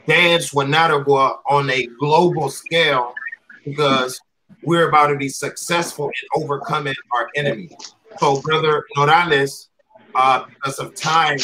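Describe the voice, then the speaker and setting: A man's voice: on the high side, bright, forceful tone, slight background noise, low-quality recording. A man hosting an online conference on a video call, prompting a guest and repeating himself as he urges him on. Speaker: host.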